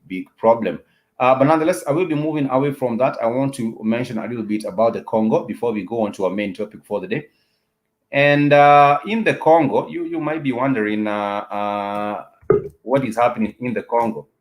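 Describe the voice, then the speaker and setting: A man with an African accent hosts a spoken political commentary, talking haltingly and often repeating phrases for emphasis. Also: lowish voice. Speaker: host of a political discussion show.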